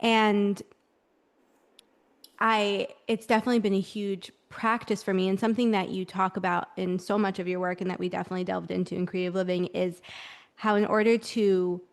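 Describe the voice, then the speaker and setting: Hosting a podcast, a young woman interviews her guest, asking thoughtful questions and affirming what he says. Her mid-range voice is creaky, with a flat delivery at a moderate pace.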